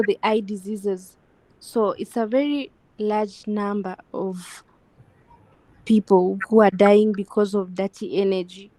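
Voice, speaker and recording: A woman from Tanzania speaking on a discussion panel, earnest and measured, with halting phrasing. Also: medium pitch, mellow, no room sound, poor audio.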